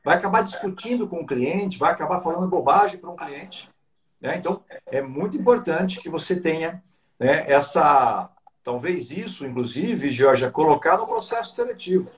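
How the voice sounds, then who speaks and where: A man's voice: fairly high pitch, expressive, normal speed. A Brazilian man, a business coach guesting on a live online talk, explaining points with frequent tag questions.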